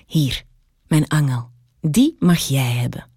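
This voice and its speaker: Lady doing a self-important wasp from a storybook, grave and weighty, kinda low and slow. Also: expressive, dark tone, husky, no echo, clean studio sound, full character voice. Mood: pompous. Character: self-important male wasp, solemn and possessive.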